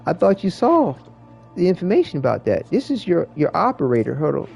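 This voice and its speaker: A man's voice: fairly high pitch, huge pitch swings, a little fast, creaky, darkish tone, slightly rough, dull audio, faint music behind. A man giving casual gaming commentary in a rambling, slangy way, often repeating his words. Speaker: streamer showing a game to a viewer.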